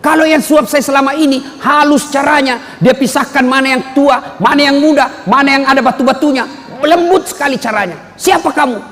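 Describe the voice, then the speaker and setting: A man voicing a suspicious blind old man at a market who shouts accusations in a high, strained voice. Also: a little fast, hardly any pauses. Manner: accusing, indignant outbursts. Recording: long hall reverb.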